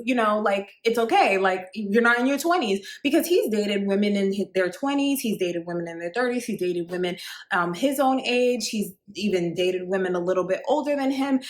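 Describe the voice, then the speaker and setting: A dating coach in her thirties talks straight to camera, giving women dating advice in a chatty, emphatic way full of fillers, leaning on "like" and "actually" again and again. Her voice is medium-pitched and a little bright, with a roomy sound.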